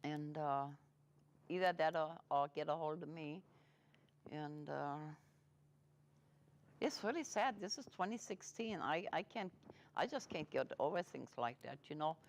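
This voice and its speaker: Halting middle-aged woman host. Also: low-pitched, expressive. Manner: hesitant, halting speech with fillers and restarts. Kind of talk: casual interview.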